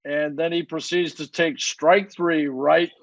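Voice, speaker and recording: A man's voice: fairly high pitch, steady tone, unhurried, creaky, dry recording, highs cut off. An older man, a retired umpire, casually telling stories with lots of "you know" asides. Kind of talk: casual anecdote.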